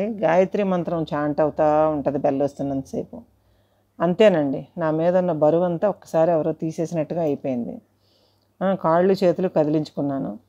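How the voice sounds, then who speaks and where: A woman narrating a first-person story to listeners, unhurried and politely addressing them as she goes. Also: low-pitched, warm tone, lo-fi sound.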